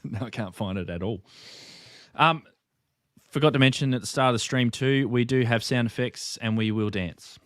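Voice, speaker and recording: A man's voice: mid-range voice, moderate pace, dry recording, studio quality. A man co-hosting a ham radio livestream, chatting casually, chuckling often and reading viewer comments aloud. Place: home room at night.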